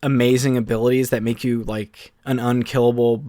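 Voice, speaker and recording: A man co-hosting a podcast, chatting casually and excitedly in long rambling runs full of fillers. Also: medium pitch, brisk, no echo. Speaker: podcast co-host. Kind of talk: casual chat.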